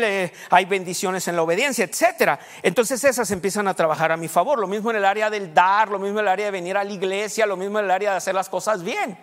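A man preaching a sermon as pastor, quizzing the congregation and rushing through bursts of speech. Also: high-pitched, fairly bright tone, in a large hall. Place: church sanctuary.

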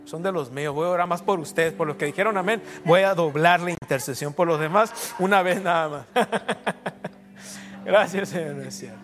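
A middle-aged man preaching in a loose, joking manner, with frequent prayers and amens slipped into his talk. His voice sits a little high for a man. Soft instrumental music plays quietly behind him. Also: moderate pace. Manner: informal, joking asides with prayer interjections. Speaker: pastor. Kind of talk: sermon.

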